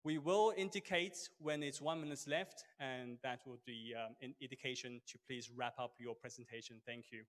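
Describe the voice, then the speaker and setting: A man's voice: medium pitch, steady tone, moderate pace, few pauses. Polite male moderator in big echoing hall. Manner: polite, hesitant with many fillers. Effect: big hall echo. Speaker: seminar moderator. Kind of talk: formal event hosting. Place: studio hall. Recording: long hall reverb.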